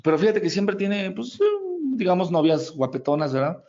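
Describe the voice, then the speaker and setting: Mexican man, middle-aged, chummy motivational trainer, slightly high voice, muffled lo-fi sound. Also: animated, normal speed, darkish tone. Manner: folksy and joking, calls the listener compadre. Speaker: network marketing trainer. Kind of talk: motivational coaching talk. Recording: dull lo-fi recording.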